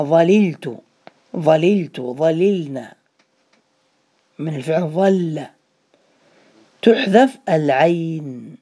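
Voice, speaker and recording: A man's voice: high voice, gravelly, a little mellow. Man teaching grammar by questioning students. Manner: questions students by name and repeats key points; blesses students often after answers. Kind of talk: classroom lesson.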